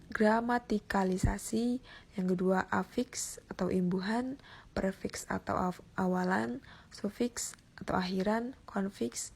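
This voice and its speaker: A young woman, a university student, reading a class presentation aloud from her notes at a steady pace, with small restarts. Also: mid-range voice, vocal fry, husky. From Indonesia. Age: young adult.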